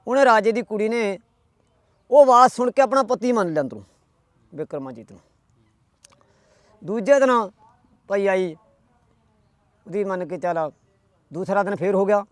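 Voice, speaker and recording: Chatty storyteller, high voice. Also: male voice, lively intonation, normal speed, pauses often, no echo. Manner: rustic, chatty, with constant "he said, she said" tags. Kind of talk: folk tale storytelling.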